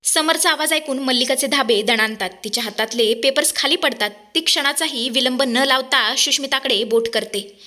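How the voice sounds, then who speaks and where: A woman narrating a dramatic TV serial recap in an expressive way, addressing the audience directly. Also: high voice, normal speed.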